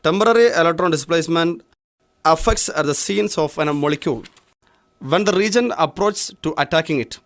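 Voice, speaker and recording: An actor with a Malayali English accent playing an impatient, contemptuous chemistry lecturer who rushes through his lecture in a monotone and snaps at students. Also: fairly high pitch, background noise. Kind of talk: short film acting.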